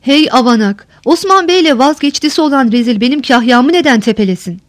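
A woman's voice: high-pitched, expressive, fairly quick, no room sound. An irritable, haughty lord barks scolding questions at his servant. His voice rises sharply and swings widely, and it is recorded dry and close, voiced by a woman narrator. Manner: scolding, barking insults. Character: short-tempered, haughty male provincial lord.

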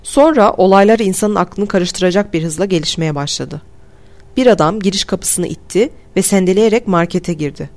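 A man calmly narrating a first-person audiobook in a measured storytelling voice. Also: high-pitched. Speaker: audiobook reader.

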